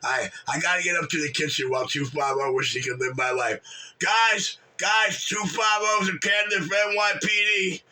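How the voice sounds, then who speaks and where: Brash and boastful, a man in his sixties swears and trash talks casually as a regular caller on a chat room show. His voice sits high with fairly even intonation, at normal speed, bright and forceful, captured from a distant mic.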